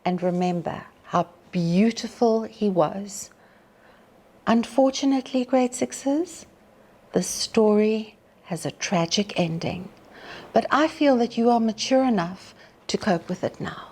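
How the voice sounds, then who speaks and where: Speaking to schoolchildren, a woman teacher introduces a narrative poem and then reads it dramatically at storytime. Her mid-range voice is deliberate and expressive as she addresses the pupils.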